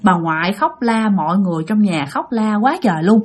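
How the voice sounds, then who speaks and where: A woman with a Southern Vietnamese accent narrating a ghost story in an animated, chatty way, speaking straight to her listeners. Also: mid-range voice, fairly quick.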